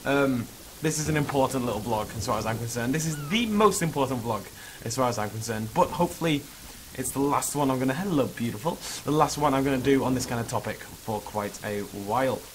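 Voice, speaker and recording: A young man, hungover with a slightly hoarse voice, chatting in an informal, rambling, self-critical way as he vlogs over a video game. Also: medium pitch, a little fast, few pauses. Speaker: gaming video creator. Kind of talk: casual vlog chat over gameplay. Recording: clearly noisy background ambience.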